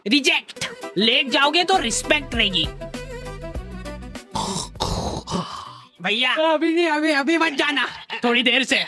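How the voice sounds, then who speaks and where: A woman's voice: high-pitched, pushed and bright. A woman voicing a boastful, broke male senior student who lectures younger boys about girls in a cartoon. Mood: lecturing. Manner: swaggering, lecturing, self-important.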